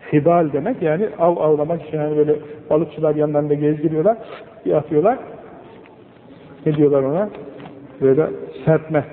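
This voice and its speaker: An older man preaches a sermon, earnest and admonishing, pushing hard on his key points. His voice sits fairly high. The old recording is thin and phone-like, with a long echo from a large hall. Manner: earnest, admonishing, rising emphasis.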